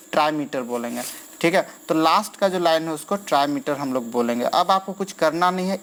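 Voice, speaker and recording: A man teaching verse scansion in an exam-prep lesson, counting feet aloud and stretching stressed syllables, with frequent okay fillers. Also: on the high side.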